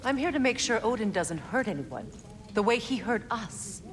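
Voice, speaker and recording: An actress playing a proud, wounded goddess in a video game, grave and guarded. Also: female voice, fairly high pitch, big pitch swings, normal speed. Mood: bitter. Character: proud, wounded, vengeful adult goddess and mother. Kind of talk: video game character acting.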